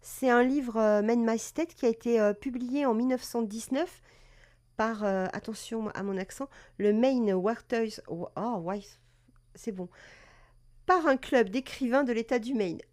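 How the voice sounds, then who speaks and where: A woman's voice: a little high, normal speed, darkish tone. A woman hosting a casual live stream, chatty, with many fillers and self-corrections, greeting viewers as she talks. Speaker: live streamer presenting cat breed history.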